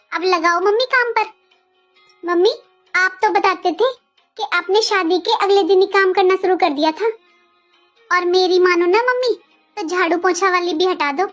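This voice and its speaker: A woman doing a young sister-in-law who keeps nudging and needling. Her voice is very high, with faint music underneath. She stays insistent as she stirs trouble against the new bride.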